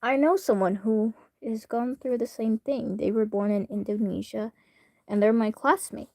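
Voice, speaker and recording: A woman's voice: fairly high pitch, fairly even intonation, normal speed, creaky, darkish tone, dry recording, clean studio sound. A woman streamer chatting casually to her viewers during a reaction stream, rambling and hesitant with lots of fillers. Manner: talks to chat directly. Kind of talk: casual livestream reaction chat.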